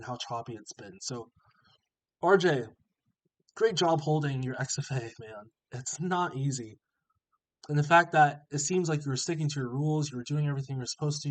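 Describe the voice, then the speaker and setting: Sniffling through a blocked nose, a trading-channel host with a voice on the high side reads viewers' comments aloud and offers them easygoing reassurance. The audio quality is poor.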